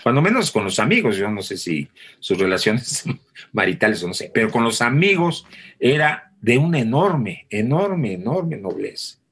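A husky-voiced man reminisces in easy conversation. His pitch swings widely as he acts out the people in his stories. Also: moderate pace. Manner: animated storyteller acting out quoted voices. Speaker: theatre actor, interview guest. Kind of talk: conversational anecdote telling.

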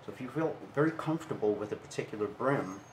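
A man's voice: lowish voice, fast, reverberant, slight background noise, poor audio. A man who owns a hat shop, talking casually and explaining hats while he demonstrates them in his shop. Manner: relaxed, chatty, demonstrates hats as he talks.

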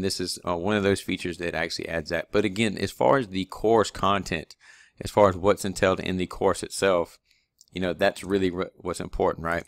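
Low, flat-voiced man touring his course. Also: clean tone, no room sound. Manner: casual, rambling, many fillers and restarts. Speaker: online PLC course instructor. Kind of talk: screen-recorded course walkthrough.

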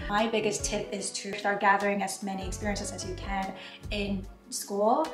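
A young Taiwanese woman in her 20s, Mandarin her first language, chats away in a casual Q&A vlog, peppering her talk with "like." She has a mid-range voice and is recorded from a distance by a camera across the counter of her home kitchen, where echo and background music fill the room.

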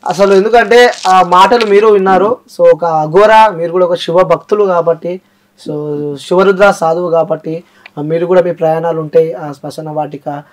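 Speaking at a moderate pace, this man has a high-pitched, steady voice. He hosts an interview with a Telangana accent, repeating points with emphasis and dropping English words into his speech.

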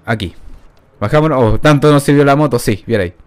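A man's voice: medium pitch, a little fast, clear, resonant tone. A man, giving rambling, self-mocking gameplay commentary into a studio microphone. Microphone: new studio microphone.

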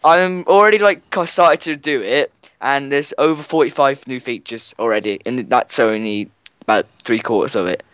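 A young man co-hosting a gaming video, chatting casually and barking quick orders. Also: medium pitch, clean tone, dry recording. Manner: excitable, quick bursts of orders. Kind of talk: casual gameplay chat.

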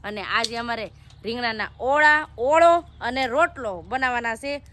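A chatty, teasing woman narrates a casual cooking vlog beside a wood-fire stove in a village home. Her voice is fairly high and bright. She speaks to viewers as family. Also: animated, a little slow, a little hiss or hum. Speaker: family vlogger.

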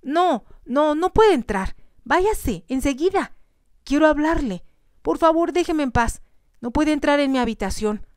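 Woman putting on a shrill terrified young lady. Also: sing-song, measured pace, few pauses, mellow, dry recording, clean studio sound. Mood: frightened pleading. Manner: pleading, shrill and tense. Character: frightened young woman pleading with an intruder.

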